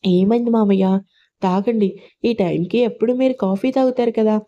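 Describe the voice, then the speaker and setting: A woman doing a gentle pleading young daughter-in-law. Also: mid-range voice, normal speed, natural voice. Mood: coaxing. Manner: pleading, soothing. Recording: dull lo-fi recording.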